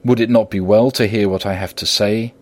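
Male reader doing an older professor: low, slow, solemn, compassionate. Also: fairly even intonation, close to an everyday voice. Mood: grave. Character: old, grave, compassionate professor.

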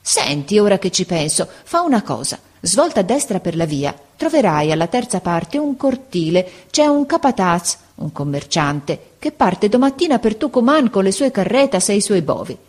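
Woman doing a kind old lady, pitying, gentle, storybook voice. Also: mid-range voice, sing-song. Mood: brisk. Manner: gentle, sympathetic, then brisk with advice.

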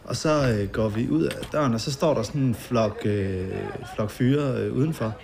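Gravelly Danish-speaking man recounting, hesitant. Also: medium pitch. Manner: hesitant, full of fillers. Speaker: interviewee recalling a past night. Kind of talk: documentary interview, casual recounting.

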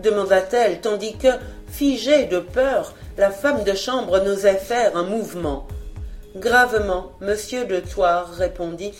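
A woman narrating an old-fashioned novel aloud in an expressive storytelling manner. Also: medium pitch, unhurried, faint music behind. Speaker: audiobook narrator.

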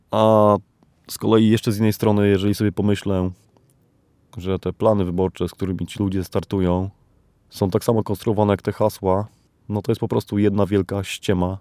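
A Polish man hosts a podcast, delivering an unscripted, ironic, rambling monologue packed with rhetorical tag questions. His voice is low-leaning and dark, with no room sound.

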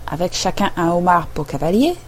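A woman voicing an excitable male griffin in a storybook reading, shouting out dance steps. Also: lowish voice, fairly quick, slight background noise. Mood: eager.

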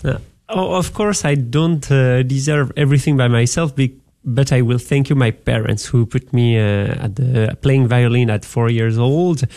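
A man in his forties with a French accent, a guest musician answering interview questions in English, halting and searching for words. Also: mid-range voice, fairly even intonation, mellow. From France. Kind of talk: radio interview.

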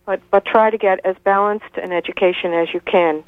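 A woman's voice: medium pitch, steady tone, brisk, no echo. A woman in her sixties calling in to a radio show over a clipped telephone line, insistent and lecturing, with frequent hesitations. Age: 60s. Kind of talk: call-in radio talk.

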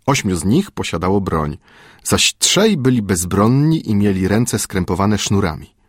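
A middle-aged man reading a classic adventure novel aloud in a measured, steady storytelling manner. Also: on the low side, no room sound, studio quality. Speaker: audiobook narrator. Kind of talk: scripted literary narration.

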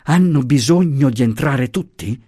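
A man's voice: medium pitch, wildly swooping pitch, measured pace, a little mellow, breathy edge, dry recording, clean studio sound, exaggerated voice. A man voicing a proud, defiant young wife and mother in an audiobook, cutting and trembling with anger. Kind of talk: audiobook character voice.

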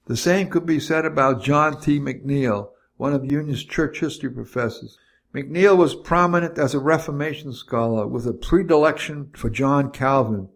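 Older man reading his memoir. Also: a little high. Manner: measured, reflective reading. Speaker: narrator of his own memoir. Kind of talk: scripted memoir narration.

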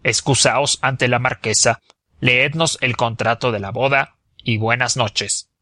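A man's voice: medium pitch, fairly even intonation, a little slow, pushed and bright, dry recording, clean studio sound. A man voicing a haughty aristocratic marquis who speaks coldly and dismissively. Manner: cold, dismissive.

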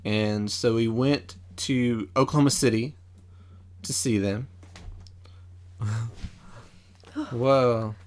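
A man's voice: mid-range voice, steady tone, slow, long pauses, a little mellow. Hesitant man telling a story, casual. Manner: hesitant storyteller, full of ums and restarts. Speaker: podcast co-host. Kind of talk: casual chat. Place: at a table at home.

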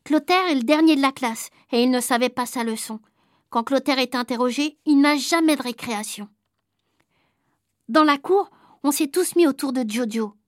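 A woman reading a children's story aloud in a lively, childlike first-person telling. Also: high-pitched, normal speed, dry recording, studio quality. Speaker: audiobook reader. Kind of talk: storybook narration.

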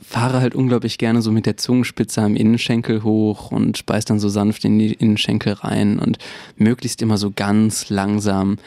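A man's voice: on the low side, flat delivery, normal speed, creaky, warm tone, no echo. A man in his twenties co-hosting a podcast, chatting casually and frankly, laughing often. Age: 20s. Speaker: podcast co-host.

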